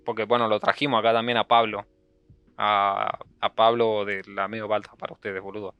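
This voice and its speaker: A man's voice: on the low side, little pitch movement, a little fast, clean tone, dull audio. A man with an Argentine accent, co-hosting a podcast in casual chat. He asks follow-up questions and speaks loosely, with many fillers. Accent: Argentine Spanish. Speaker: podcast co-host.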